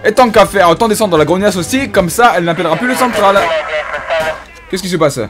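A man putting on a self-important police inspector for a comedic video game commentary, speaking French-accented with a high-pitched voice. He lectures in a mock-solemn, officious tone, stumbling over hesitant fillers. Faint game music sits in the background. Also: quick pace, close to an everyday voice. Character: pompous bumbling male police inspector. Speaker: gaming YouTuber.

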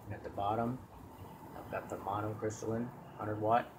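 A solar hobbyist vlogger gives an improvised demo of his gear on a handheld camera, talking plainly and wandering with fillers and restarts. His pitch is fairly low, his intonation fairly even, and his pace moderate. Noise fills the background.

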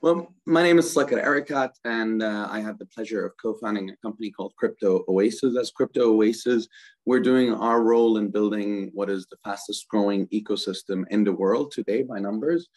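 A man's voice: on the low side, brisk, darkish tone, poor audio. A middle-aged man from Germany, a guest on a video-call interview, speaking fluently and energetically and often adding "right?". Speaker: guest, crypto ecosystem co-founder. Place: indoors, virtual office backdrop.

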